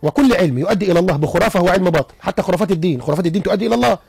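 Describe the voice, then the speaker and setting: A man with an Egyptian accent, a guest psychologist on a radio interview, explaining in an animated way with stories and rhetorical questions. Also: sits high, very fast, gravelly, breathy edge.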